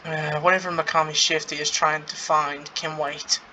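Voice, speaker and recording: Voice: medium pitch, level tone, normal speed, pushed and bright, slight background noise, rough recording. A gaming creator reading story dialogue aloud in a casual, giggly way while commenting on it. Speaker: gaming content creator playing through a story event.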